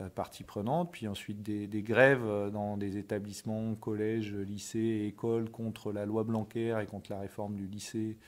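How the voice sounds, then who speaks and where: A man's voice: lowish voice, darkish tone. A man, a teachers' union representative, firmly explaining a strike in an interview. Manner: firm, militant. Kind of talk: interview statement.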